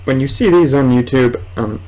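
In a warm, mid-range voice at normal speed, a man in his twenties rambles through casual let's play commentary, muttering hesitantly to himself. He is a gamer and video host, recording in a small room at home with clearly noisy sound.

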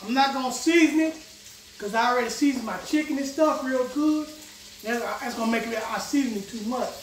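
A man's voice: very high voice, a little fast, slight background noise. A middle-aged man hosting a home cooking vlog, talking casually to himself and viewers as he cooks in his kitchen. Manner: easygoing, talks to himself while cooking. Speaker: home cooking show host. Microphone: fixed camera across the kitchen. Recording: echoey kitchen from far off. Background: frying and sizzling food.

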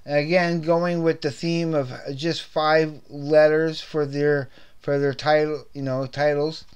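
Unscripted and chatty, a Canadian man reviews a music album for his own CD review series, rambling, repeating words and restarting sentences through a slightly scratchy throat. His voice runs high yet clear and resonant, with little pitch movement and a slow delivery.

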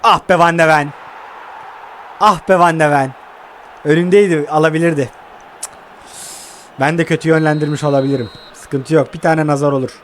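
Excitable high-voiced man narrating gameplay. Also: moderate pace, long pauses, a little hiss or hum. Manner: excitable, swears and groans at the game. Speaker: mobile football game streamer. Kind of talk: live gameplay commentary.

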